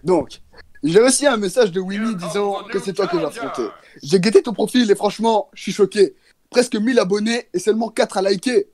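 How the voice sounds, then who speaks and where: A man's voice: high-pitched, brisk, crowd noise. A young man rapping a mocking clash verse as a battle contestant. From Belgium. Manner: mocking, storytelling delivery.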